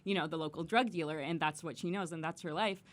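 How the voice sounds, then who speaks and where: A woman from Israel with a slightly low voice talks as a guest actress. Her delivery is chatty and animated, with a joking edge, in a relaxed interview. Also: fast talker. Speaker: stage actress. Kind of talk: casual interview talk.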